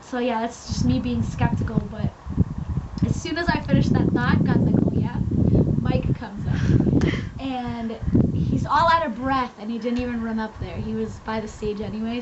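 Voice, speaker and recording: A young woman from New England telling a personal story in a casual, rambling way with many fillers, on a webcam mic. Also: fairly high pitch. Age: young adult. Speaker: vlogger. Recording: dull lo-fi with loud hiss.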